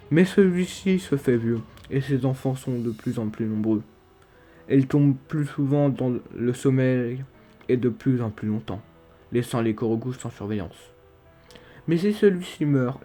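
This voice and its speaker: A man with a dark, soft-edged voice and a clear lisp that makes his s sounds slushy and his words slurred. He narrates tongue-in-cheek gaming theories with mock gravity and emphatic phrasing, at a medium pitch. Music plays behind him. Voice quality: lisp with slushy sibilants and slurred articulation, from a dental brace. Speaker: video game theory YouTuber. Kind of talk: humorous scripted theory narration. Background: background music.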